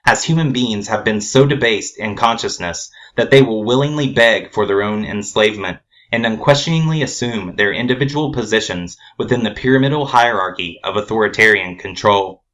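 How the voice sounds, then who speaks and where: A man narrating a scripted spoken essay in a measured, formal, grave manner. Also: lowish voice, a bit bright.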